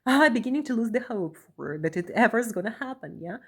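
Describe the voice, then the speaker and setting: Woman, from Russia, somewhat high voice, earnest, reads a document aloud, comments between points, repeats phrases, frequent questioning "yeah?". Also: lively intonation, fast, fairly bright tone, breathy edge. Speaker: vlogger, asylum seeker.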